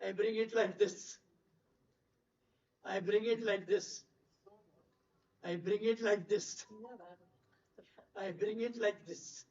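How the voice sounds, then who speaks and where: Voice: mid-range voice, steady tone, slow, long pauses, darkish tone. Older Indian English speaker, echoey hall. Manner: repetitive, drilling, asks "clear?" often. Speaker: former teacher giving a talk. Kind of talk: classroom-style talk with number puzzles. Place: large hotel event hall. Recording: echoey hall, distant dull mic.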